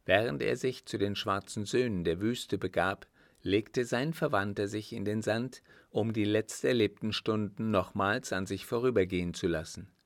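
A man reading a novel aloud in quiet, measured narration. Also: lowish voice, no room sound, studio quality. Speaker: audiobook narrator. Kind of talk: scripted narration.

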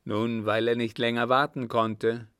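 A man giving a measured, even narration of a novel as an audiobook reader. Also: mid-range voice, clear, resonant tone, no room sound, studio quality.

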